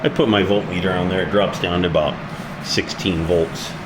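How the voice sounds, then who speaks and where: A low-pitched man speaking at a moderate pace gives a blunt, colloquial, unscripted explanation of the amplifier he built as a hobby, demonstrating it hands-on. A loud, steady hum runs underneath.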